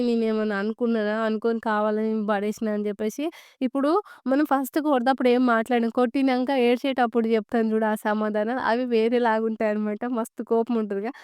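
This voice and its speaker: A woman's voice: fairly high pitch, quick pace, smooth, no echo, clean studio sound. A young woman, chatting casually as a home vlogger and telling a story straight to her viewers. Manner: lively, chatty, addresses viewers directly.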